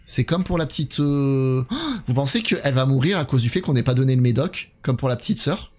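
Soft background music plays as a man with a mid-range voice and lively intonation, talking a little fast, streams a horror game live. As a gaming streamer, he keeps up chatty commentary for viewers and thinks out loud.

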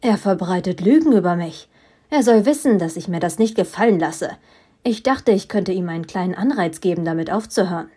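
A cold, mind-controlling young male villain, as a woman reader voices him in an audiobook. He speaks in calm, condescending threats, with a mellow, warm tone that never hurries. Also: on the low side, a little fast, slightly rough. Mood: mocking. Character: menacing young man who controls minds, cold and mocking.

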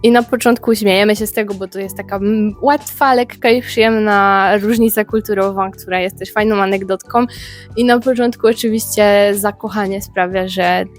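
A young adult woman from Poland, talking casually to camera as a vlogger in a lively, expressive storytelling manner. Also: medium pitch, moderate pace, faint music behind.

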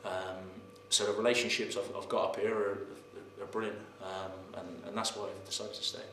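Captured on a camera mic in head-and-shoulders framing, this post-match interview features a footballer in his thirties. His voice is low and flat, and he speaks haltingly, repeating himself and stopping on "um." The press room, sponsor board behind him, sounds roomy with faint noise.

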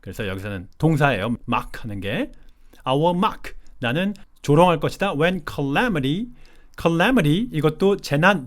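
Korean-accented male English teacher, slightly high voice, slows down for the English lines. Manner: slow careful English read-alouds between brisk explanations. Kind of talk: spoken lesson.

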